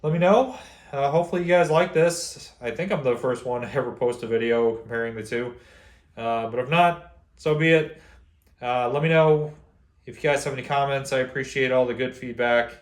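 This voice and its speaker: A man's voice: medium pitch, fairly even intonation, normal speed, roomy sound. A young man with a nasal voice reviewing guns in a casual, rambling way, full of fillers and restarts. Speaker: gun reviewer, channel host. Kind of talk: casual unscripted video review. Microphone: camera on a stand.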